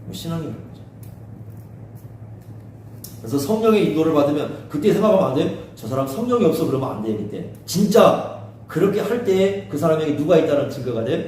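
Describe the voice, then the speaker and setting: A man leads a Bible study as pastor, his somewhat high voice rising and falling with lively swings. He asks his listeners questions and acts out quotes in a raised voice. He sounds far from the mic in a very echoey hall, with faint hiss behind him. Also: fairly quick, long pauses.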